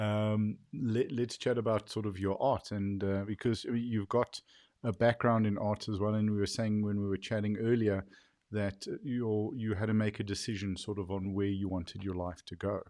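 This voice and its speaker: A man's voice: lowish voice, darkish tone, no echo, studio quality. A man hosting a podcast, introducing the episode and then chatting in an easygoing way with a guest, laughing readily. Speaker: podcast host. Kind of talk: casual interview chat.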